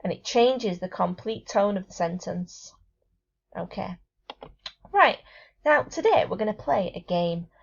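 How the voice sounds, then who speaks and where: A woman gives a recorded lesson to small children in a bright, encouraging teacher voice. Her pitch sits in the middle, and she reads aloud with lively expression. The sound is a little dull and lo-fi. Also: measured pace, gravelly, pauses often, breathy edge. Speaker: primary school teacher.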